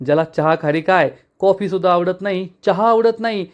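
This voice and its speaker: A man voicing a chatty, cheeky young wife who teases and argues in rapid, mock-indignant bursts. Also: on the low side, a little mellow, close to an everyday voice. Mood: chattering, teasing.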